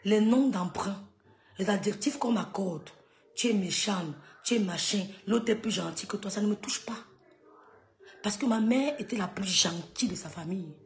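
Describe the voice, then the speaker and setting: A woman's voice: medium pitch, normal speed, roomy sound. A woman hosting a social media live stream, talking in an emphatic, repetitive, scolding way. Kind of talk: heated live-stream rant.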